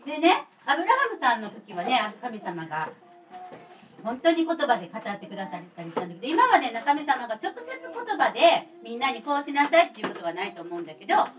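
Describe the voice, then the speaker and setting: A woman in her thirties with a Kansai accent, telling a chatty, animated children's sermon as a church pastor. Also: a little high, fast, lo-fi sound. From Kobe, Japan. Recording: distant mic with faint noise.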